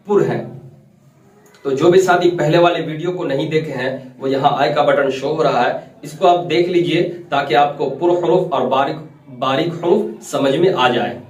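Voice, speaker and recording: A man teaches Quran recitation in a patient, step-by-step way, putting questions to his listeners and answering them. He slows down to draw out letter sounds as examples. His fairly high voice is picked up from some distance in a roomy, echoing space. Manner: repeats key points and asks the class questions, then answers them; drawn-out demonstrations of letter sounds. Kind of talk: step-by-step tajweed lesson.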